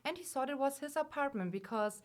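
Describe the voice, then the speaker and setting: A woman's voice: sits high, racing. A woman on a podcast, talking in simple non-native English with slips in tense. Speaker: podcast guest. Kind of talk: casual chat.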